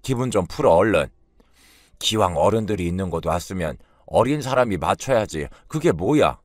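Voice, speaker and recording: A man's voice: low-pitched, animated, moderate pace, dry recording, clean studio sound. A man voicing a sneering middle-aged sister-in-law who taunts sarcastically, in a read-aloud story. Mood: taunting.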